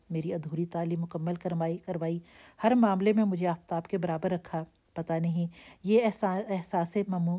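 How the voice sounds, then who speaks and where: A woman voicing an earnest, grateful middle-aged man who speaks in a heartfelt, measured way in a storybook reading. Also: on the low side, mellow, close to an everyday voice. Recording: dull lo-fi recording.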